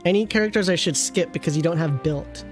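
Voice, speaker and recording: A streamer rambles casually through game commentary, teasing and chatting with viewers in a middle-pitched voice. The delivery is fast and sits over music.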